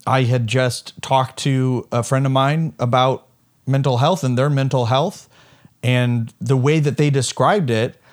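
A young adult son in a candid personal conversation with his mother, speaking hesitantly and with many fillers. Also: medium pitch.

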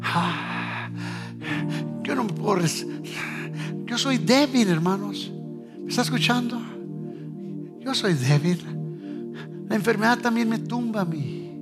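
Man, pastor, fervent sermon, sing-song shouting, very high voice, slow delivery. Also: animated. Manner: fervent, swings between shouted sing-song preaching and low murmurs. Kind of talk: Pentecostal-style sermon. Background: music playing.

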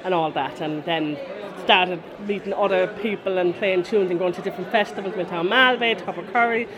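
A woman's voice: on the low side, fairly quick, highs cut off. A woman in her forties with a west of Ireland accent, chatting and rambling through stories in a casual interview. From Connemara, west of Ireland. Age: 40s. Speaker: interviewee, folk musician. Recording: busy crowd murmur behind. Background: crowd after a concert.

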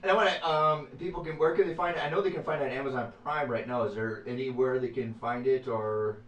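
A man's voice: medium pitch, fairly even intonation, fast, fairly bright tone. A man hosting a casual interview podcast, talking in a friendly, easygoing way. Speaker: podcast host. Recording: roomy sound, far from the mic.

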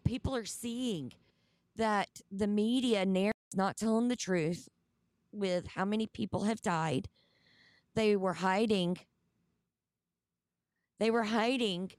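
A woman's voice: medium pitch, darkish tone, dry recording. A woman with a Southern US accent hosting a casual Bible study livestream, talking in a chatty way with fillers. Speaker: host.

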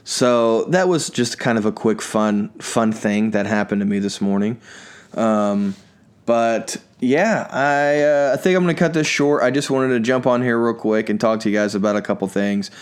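A man's voice: lowish voice, moderate pace, smooth. A man hosting his own podcast as a stand-up comedian, telling family anecdotes in a loose, rambling way and thanking his listeners. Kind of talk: casual storytelling chat.

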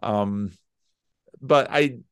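A man hosting an interview, his voice smooth and resonant. He asks gentle, searching questions and circles back to restart his phrasing. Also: medium pitch, very slow. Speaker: interviewer, host. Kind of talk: casual interview.

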